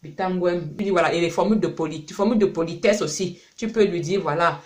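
A man's voice: high voice, fast. A man from France, a parent and channel host, giving a casual spoken lesson, chatty with lots of fillers and repeated words.

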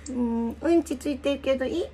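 A woman's voice: sits high, brisk, noisy background, close to an everyday voice. A woman playing a coy, innocent three-year-old in lisping baby talk during a prank call. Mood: innocent, pleading. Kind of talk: prank role-play on a call.

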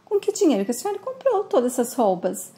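A woman's voice: high-pitched, wildly swooping pitch, fast, warm tone. A woman voicing a worried, sensible young daughter.

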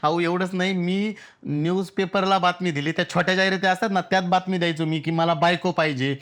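A man's voice: high-pitched, fairly even intonation, brisk, fairly bright tone. A man playing a ranting frustrated bachelor. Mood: earnest. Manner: indignant ranting, exasperated complaints. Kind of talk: comic podcast sketch.

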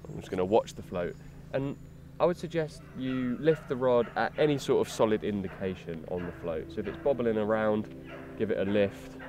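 A young man giving a lakeside fishing tutorial, explaining steps in a relaxed way with fillers as he handles his gear. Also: fairly low pitch. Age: young adult. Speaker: fishing instructor. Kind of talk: outdoor tutorial demonstration. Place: lakeside outdoors. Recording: faint outdoor noise.

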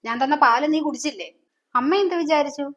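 A woman's voice: high-pitched, fairly quick, fairly bright tone. An actress playing a young student daughter who reproaches her mother with pointed questions. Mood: accusing. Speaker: actor. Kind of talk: family drama acting. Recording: dull lo-fi sound.

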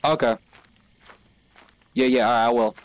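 A man chatting casually with gaming friends in a relaxed, rambling way, full of ums. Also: medium pitch, normal speed. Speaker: gamer friend. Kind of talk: casual chat. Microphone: no headset mic, picked up by others.

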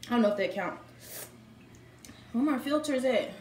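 A woman's voice: fairly high pitch, expressive, moderate pace, darkish tone, a little hiss or hum. A young woman hosting her vlog, chatting casually and teasing her roommate through a spicy food challenge. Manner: playful, teasing, laughs often. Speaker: vlogger, channel host. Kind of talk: casual chat. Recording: echoey room, mic at a distance.

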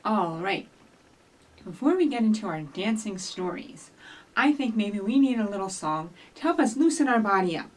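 A middle-aged children's librarian hosts storytime, speaking directly and encouragingly to young children as she talks and reads aloud. Her mid-range voice is expressive and moderately paced. She's in a small indoor office with shelves, picked up by a distant microphone.

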